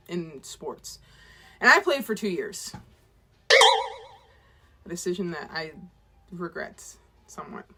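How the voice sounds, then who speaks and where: Lively bright young woman rambling vlog-style. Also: fairly low pitch. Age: 20s. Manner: rambling, self-deprecating, chatty. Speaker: author and vlogger.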